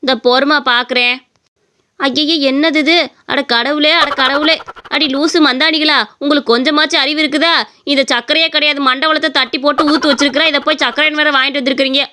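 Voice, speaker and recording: A woman voicing a sharp-tongued old village mother-in-law who scolds her family in a shrill voice. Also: steady tone, fairly quick, a little hiss or hum. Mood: scolding. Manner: shrill scolding, exclaims often.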